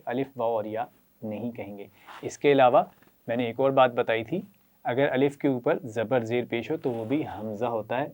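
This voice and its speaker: A man with a Pakistani Urdu accent leads a children's Quran reading lesson. He keeps up steady praise and has the class repeat letters after him. His voice is dark and mellow. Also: mid-range voice. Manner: encouraging, praises often and leads repetition.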